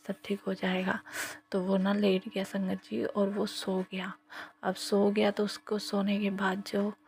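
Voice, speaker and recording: Flat-voiced woman telling a devotional testimony. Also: medium pitch. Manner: flat, even storytelling with soft whispered asides.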